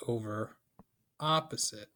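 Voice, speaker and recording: A man's voice: fairly low pitch, slow, bright, forceful tone. A man teaching a math lesson in a casual, playful way with joking asides. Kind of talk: casual lecture.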